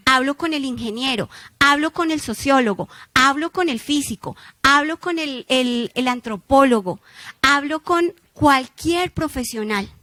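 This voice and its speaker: High-voiced woman giving a talk. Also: dry recording. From Colombia. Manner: animated storyteller, acts out dialogues. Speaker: conference speaker. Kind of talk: conference talk with anecdotes.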